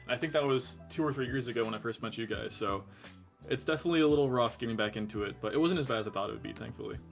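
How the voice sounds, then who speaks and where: Young man, student trader, easygoing and halting, dull audio, faint music behind. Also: mid-range voice, creaky. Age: young adult. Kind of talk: casual trading chat.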